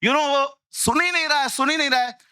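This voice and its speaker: A man preaching a lively sermon in Hindi mixed with English phrases, telling stories and acting out the voices in them. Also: very high-pitched, brisk, no echo, clean studio sound. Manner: animated storytelling, acts out quoted voices, jokey asides.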